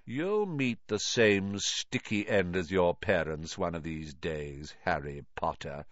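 A reader voicing a sneering, cold aristocratic man who speaks softly and menacingly. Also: mid-range voice, expressive, a little slow, dry recording, pitched below the performer's own voice, close to an everyday voice. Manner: soft, menacing. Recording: dry, slightly dull lo-fi.

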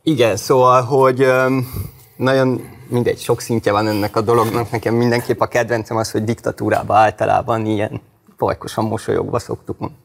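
Flat-voiced hesitant male host. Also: medium pitch, vocal fry. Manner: hesitant, many fillers and restarts. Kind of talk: studio political discussion. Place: studio.

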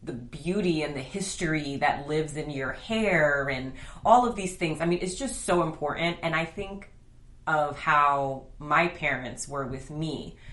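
This podcast host's voice is low-pitched, unhurried, and a bit bright as she chats eagerly through a casual interview, frequently asking "right?". The recording has an echoey, roomy sound.

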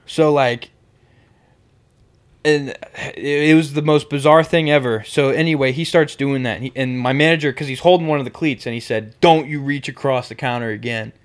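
A man's voice: on the high side, moderate pace. A man in his twenties hosting a podcast. He tells a story casually and animatedly, with lots of swearing and "bro". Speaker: podcast host.

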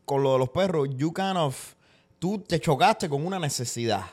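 A man's voice: fairly high pitch, expressive, normal speed, darkish tone. Conversational man hosting a podcast. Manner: conversational, recaps the guest's story. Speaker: podcast host. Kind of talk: casual podcast chat.

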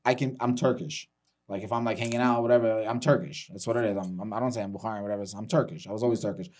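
A man hosting a podcast, asking quick, curious questions in a casual interview. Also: on the low side, fairly even intonation, darkish tone. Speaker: podcast host.

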